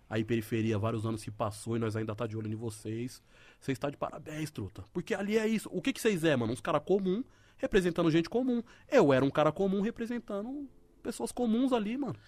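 A man's voice: mid-range voice, a little mellow. A man telling a story in a casual, slangy podcast chat. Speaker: podcast guest.

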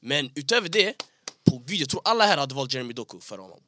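A young man co-hosting a podcast, arguing loudly and excitably in slangy casual talk, repeating himself. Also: medium pitch, a little hiss or hum. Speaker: podcast co-host. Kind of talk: heated casual debate.

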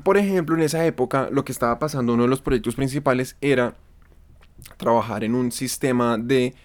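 A man with a Colombian accent and a medium-pitched voice speaks a little fast. As an interview guest, he tells stories in a casual, conversational way, full of slang and swearing, and acts out quoted dialogue.

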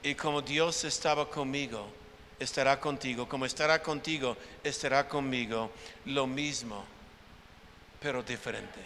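A man's voice: medium pitch, fairly even intonation, moderate pace, sharp tone, slight background noise. A man preaching a sermon as pastor, repeating phrases for emphasis and acting out conversations with his congregation, in a large church hall. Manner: preaching with emphatic repetition and acted-out dialogue. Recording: long church hall reverb.

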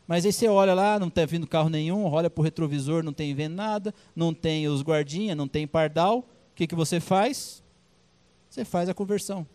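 A man's voice: a little high, fairly quick, a little mellow. A man preaching a sermon in a conversational way, explaining verses with everyday examples and casual slang.

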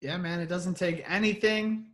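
Young male co-host, high bright voice, lively rambling storyteller. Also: moderate pace. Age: young adult. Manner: animated storyteller, says bro and like a lot. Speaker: podcast co-host. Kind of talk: casual chat.

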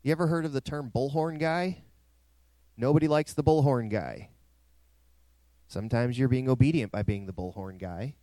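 Male pastor, middle-pitched voice, dry close sound, emphatic preaching. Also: moderate pace, long pauses, mellow, no echo. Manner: preaching with rising, emphatic swells. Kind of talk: sermon.

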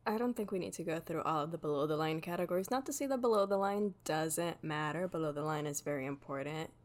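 A young woman co-hosts a relaxed film podcast, thinking out loud and hedging with a few ums. Her voice sits on the lower side for a woman. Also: quick pace. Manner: thoughtful, hedging, with fillers. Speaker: podcast co-host. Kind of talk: casual film chat.

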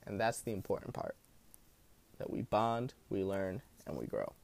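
A man with a smooth voice hosting a solo podcast in casual, rambling talk full of slang and swearing. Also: on the low side, very animated, normal speed, heavy background noise. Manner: profane, slangy. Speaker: podcast host.

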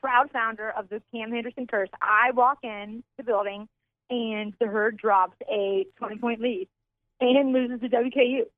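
A young woman from Louisville, a TV news reporter calling in as a guest, teasing the host with quick, playful banter. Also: fairly high pitch, fairly even intonation, no room sound. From Louisville, Kentucky, US. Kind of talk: casual radio banter. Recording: phone line.

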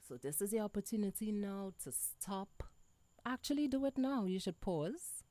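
A woman's voice: mid-range voice, lively intonation, moderate pace, dark tone, dry recording. A woman co-hosting a casual podcast chat from a backyard at night, conversational and affirming. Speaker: podcast co-host.

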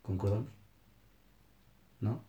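A young man with a European Portuguese accent, debating casually in an animated, slangy, sweary way. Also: measured pace. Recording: echoey room.

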